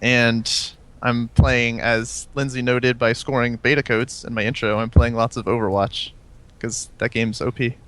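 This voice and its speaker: A man's voice: mid-range voice, flat delivery, measured pace, fairly bright tone, clear, resonant tone. A man from Virginia, a quiz show contestant chatting casually, easygoing and teasing. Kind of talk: casual chat.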